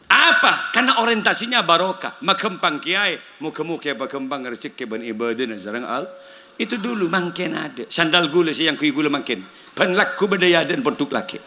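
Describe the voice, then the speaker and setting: A man with a Madurese accent delivers a comic sermon through a stage microphone. His voice sits a little high and rings very bright and forceful, with faint background hiss. He tells jokey stories and acts out the dialogue. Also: lively intonation, brisk. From Madura, Indonesia. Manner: jokey storytelling, mixing languages, acting out dialogue. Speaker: preacher. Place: outdoor village gathering.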